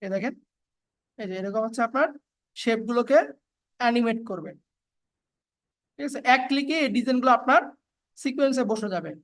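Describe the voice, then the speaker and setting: A woman giving a casual, step-by-step software tutorial, with frequent fillers and repeats. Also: fairly high pitch, fairly quick, long pauses. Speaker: video editing tutor. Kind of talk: screen-recorded software tutorial.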